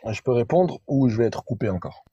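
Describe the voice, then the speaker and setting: A man calling into a live online debate, with a mellow and slightly husky voice. He explains his view patiently, checking in with "hein" and "ok". The sound is dry and close. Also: mid-range voice, expressive, a little fast, no echo, lo-fi sound. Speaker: debate caller.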